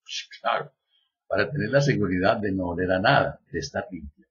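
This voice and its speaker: A man giving a lecture, reading a text aloud at an even pace and adding slow joking asides. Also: low voice, husky, highs cut off. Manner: reads steadily, then drops in slow joking asides. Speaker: lecturer on biodecoding.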